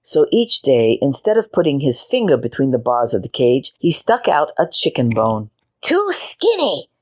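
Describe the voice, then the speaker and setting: A woman hosting a story show, reading a children's fairy tale aloud in a gentle, measured way. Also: extremely low pitch, expressive. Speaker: storyteller host.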